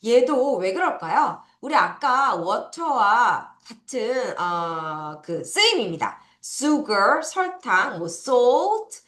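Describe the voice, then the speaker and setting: A woman English teacher giving an online vocabulary lesson for children, drilling words slowly and having students repeat after her. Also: fairly high pitch, big pitch swings, a bit bright. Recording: echoey room.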